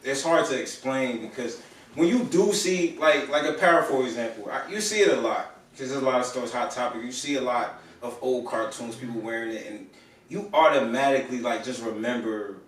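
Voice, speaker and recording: Male co-host, easygoing and quick to agree, very echoey room, sitting back from the mic. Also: mid-range voice, recorded from a distance. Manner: relaxed, slangy, quick to chime in and agree. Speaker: podcast co-host. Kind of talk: casual podcast chat.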